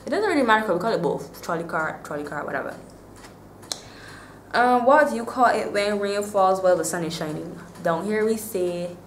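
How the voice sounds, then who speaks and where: Low-pitched young woman with a Bajan accent. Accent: Bajan (Barbadian). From Barbados. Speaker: vlogger. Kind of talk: casual chat to camera, accent tag. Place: small bare-walled room indoors. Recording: roomy echo, faint background noise.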